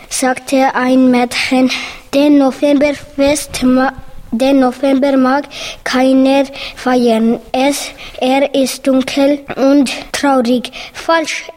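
A woman reading a story aloud, halting and stumbling over words. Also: high voice, a little mellow. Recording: reverberant room.

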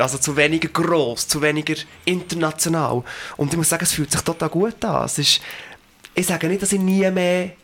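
A singer in his late twenties, with a Swiss German accent, gives interview answers in a voice a little higher than most men's and a bit bright. He's reflective and earnest, leaning on many fillers as he works through his thoughts.

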